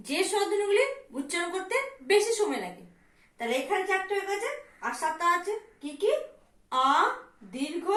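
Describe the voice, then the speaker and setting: A woman primary teacher with a West Bengal Bengali accent talks young pupils through the lesson, repeating each term and answering her own questions. Her voice sits very high and swings up and down. She is picked up from across an echoing classroom. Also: a bit bright. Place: classroom with board. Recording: echoey room, mic far off.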